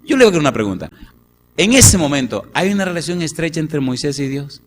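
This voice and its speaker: A man's voice: a little high, brisk, in a large hall, slight background noise. A man preacher delivering a sermon, asking his listeners questions as he teaches. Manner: animated, asks the audience questions.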